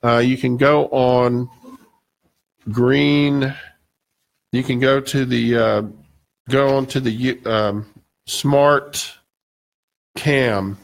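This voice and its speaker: Rambling male radio host, gravelly voice. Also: mid-range voice, steady tone. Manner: rambling, halting, with many restarts and fillers. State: scratchy voice. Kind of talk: casual radio talk. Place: radio studio.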